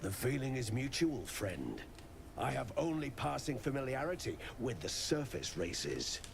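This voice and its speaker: An actor playing a gentle, scholarly male healer of the Underdark in a game, speaking in a calm, courteous, measured way. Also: medium pitch, gravelly, slight background noise. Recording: game audio with loud background ambience.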